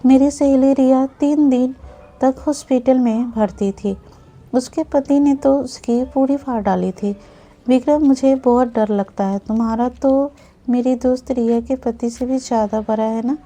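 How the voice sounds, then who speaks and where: A woman voicing a timid young newlywed bride who is fearful and pleads softly, in a spoken storybook. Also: sits high, measured pace.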